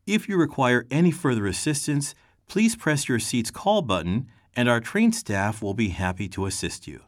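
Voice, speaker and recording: A man reading a scripted train announcement in a polite, clear announcer manner. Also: medium pitch, sing-song, moderate pace, no echo, clean studio sound. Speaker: train announcer in a test recording.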